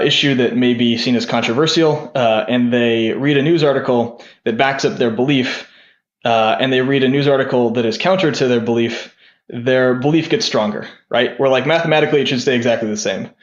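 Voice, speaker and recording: A young man speaking as a podcast guest in a casual, meandering way that leans on filler words. His voice sits at an average pitch and sounds roomy. The sound is dull and lo-fi. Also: normal speed. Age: young adult. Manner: rambling, lots of "sort of" and "like" fillers. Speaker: podcast guest, tech founder. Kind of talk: casual interview talk.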